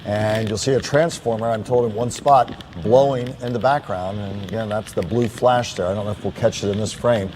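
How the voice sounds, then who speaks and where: A man's voice: fairly low pitch, fairly even intonation, normal speed, few pauses, a little mellow, slight background noise. An American man anchoring live breaking news coverage.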